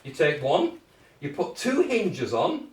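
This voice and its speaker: Kids' party magician, British, mid-pitched, talking children through a task with encouraging patter; roomy, off-mic sound. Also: huge pitch swings, slow pace. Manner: checks often with short questions to the group. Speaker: children's party magician leading a craft activity. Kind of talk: hands-on step-by-step instruction to children. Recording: echoey room, distant microphone.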